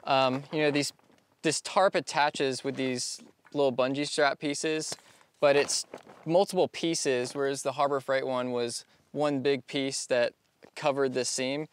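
With a medium-pitched, steady voice and a measured pace, a young DIY vlogger in his twenties talks easily outdoors on rural land, laughing frequently. His tone comes through clean on a lapel or on-camera mic.

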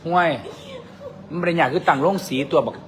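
A man's voice: fairly high pitch, brisk. A man with an Isan Thai accent hosts a vlog, trading boisterous, teasing banter in a cafe. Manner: teasing, boisterous, mixes in dialect. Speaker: vlog host. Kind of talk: casual joking banter. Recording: noisy cafe ambience.

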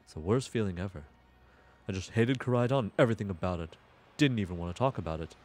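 Man acting sullen teen boy, low pitch, casual, reluctant, video game dialogue read aloud. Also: expressive, fast talker, darkish tone, faint music behind, natural voice. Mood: wistful, resentful.

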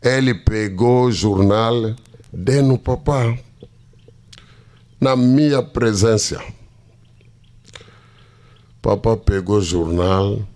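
A man preaching, telling a story dramatically with hushed asides. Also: sits low. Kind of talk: storytelling sermon.

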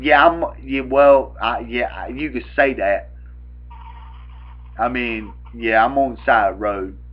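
A young adult man with a Southern US accent improvises a prank phone call from a small room at home, speaking at a measured pace in a mid-range voice. He rambles, repeats himself and stammers, and the webcam at arm's length gives dull, lo-fi audio.

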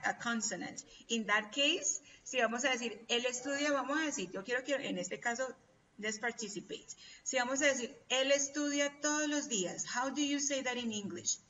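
A woman's voice: on the high side, bright, forceful tone. A woman teaching a class online, patiently quizzing her students over and over. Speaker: English teacher. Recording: distant, dull lo-fi call audio with faint hum.

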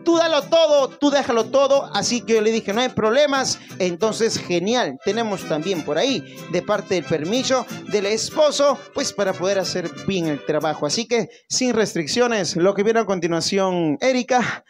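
A man's voice: high voice, animated, moderate pace, few pauses. A man, a mariachi singer, hosting a live birthday serenade in a playful, teasing showman manner. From Peru. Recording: loud live mariachi music behind.

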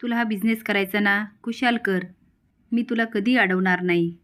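A woman's voice: mid-range voice, fairly even intonation, normal speed, lightly acted. A woman narrator reading the lines of a protective, teasing older brother who barks orders, in nearly her own voice. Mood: fond. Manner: bossy, shouts orders.

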